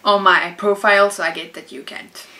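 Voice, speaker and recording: A woman's voice: mid-range voice, fairly even intonation, normal speed, pushed and bright. A young Norwegian woman with a Norwegian accent, answering viewer questions in a chatty, rambling vlog full of fillers and restarts. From Norway. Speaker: YouTuber. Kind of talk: casual vlog Q&A.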